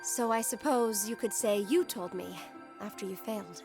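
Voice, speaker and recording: Woman voicing a calm earnest young guide. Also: medium pitch, lightly acted. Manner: soft, measured and apologetic. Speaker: game character. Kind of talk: dubbed video game dialogue. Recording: game audio over loud music. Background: game soundtrack.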